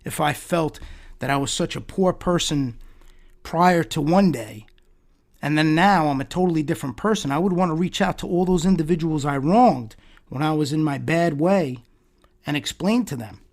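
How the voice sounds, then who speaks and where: A man's voice: fairly high pitch, normal speed, darkish tone. Sarcastic man hosting a solo podcast. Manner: sarcastic, rhetorical questioning; repeats words and restarts often. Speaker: podcast host.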